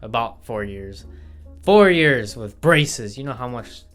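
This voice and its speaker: A man's voice: medium pitch, expressive, slow pace, fairly bright tone. A young man from Milwaukee, chatting casually in a vlog about himself, rambling with lots of fillers and restarts. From Milwaukee, Wisconsin, USA. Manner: rambling, filler-heavy, self-correcting. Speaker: vlogger. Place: indoor room with studio lights. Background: faint background guitar music.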